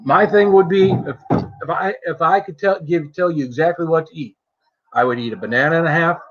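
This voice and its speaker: A man's voice: fairly high pitch, a little fast. A man hosting a casual livestream chat in a chummy, self-deprecating way. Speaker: livestream host. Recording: dull lo-fi stream audio.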